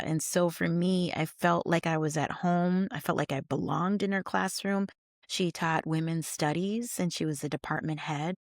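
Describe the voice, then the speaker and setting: A woman's voice: on the low side, dry recording, studio quality. A middle-aged woman, an educator, chatting casually as an interview guest, telling stories with fillers and laughs. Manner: animated storytelling with laughs and fillers.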